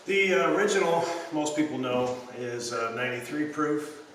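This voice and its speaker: A middle-aged man chatting casually and haltingly as a co-host, his voice in a big hall echo. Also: a little high, animated, a bit bright. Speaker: co-host and taster. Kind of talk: casual chat. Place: own unfinished basement with concrete floor. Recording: big hall echo, distant mic, faint noise.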